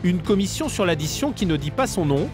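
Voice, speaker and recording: Lively high male documentary narrator. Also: brisk. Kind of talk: scripted voice-over narration. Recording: voice-over with music bed.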